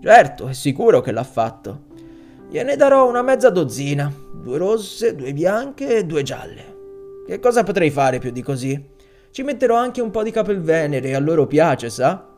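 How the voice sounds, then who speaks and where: A man's voice: a little high, sing-song, normal speed, a little mellow, soft background music. A man voicing a chatty, folksy street florist who banters like a salesman. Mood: jovial. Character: chatty middle-aged male street florist.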